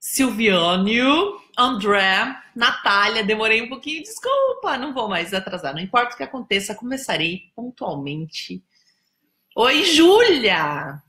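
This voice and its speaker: A woman's voice: fairly high pitch, big pitch swings, moderate pace, bright, forceful tone, roomy sound. A Brazilian woman hosting a casual live stream, chatty and teasing as she greets viewers by name. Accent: Brazilian Portuguese. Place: indoors, home in São Paulo.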